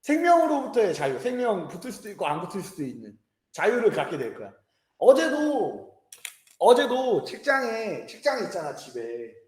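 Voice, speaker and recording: A man in his thirties teaching a lecture, telling stories lively, joking with students and acting out voices. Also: high-pitched, normal speed, reverberant. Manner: lively storytelling, acts out voices, jokes with students. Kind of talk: animated classroom lecture. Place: classroom.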